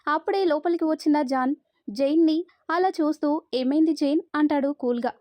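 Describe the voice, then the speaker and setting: High-voiced woman storyteller. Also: brisk, a little mellow, no echo. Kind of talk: storybook narration.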